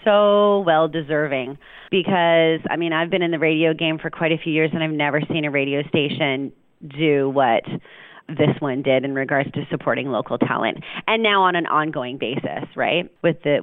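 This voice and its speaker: Enthusiastic woman with a low voice on a tinny phone line. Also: normal speed, no room sound. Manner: enthusiastic, chatty, frequent fillers. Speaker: radio program director. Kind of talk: interview guest.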